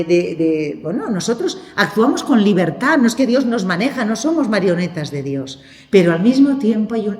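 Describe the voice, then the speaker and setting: Animated woman lecturing in a hall. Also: mid-range voice. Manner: animated, repeats words, asks listeners questions. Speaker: speaker at a theology week for lay people. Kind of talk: spiritual lecture to an audience. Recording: echoey hall reverb.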